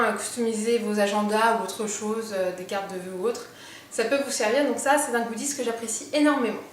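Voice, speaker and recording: A chatty woman vlogger unboxing beauty products, thinking aloud and pausing as she goes. Her voice sits a little high. She is set back from the mic in a very echoey room, with a faint hiss under it. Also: far from the mic. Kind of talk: casual unboxing chat.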